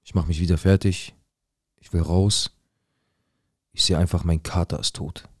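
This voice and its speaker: A young man acting out a rough-talking, paranoid drug dealer who tells his own story in a dramatic monologue full of slang and swearing. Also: sits low, fairly even intonation, moderate pace, dry recording, studio quality. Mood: tense. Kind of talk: dramatic first-person monologue.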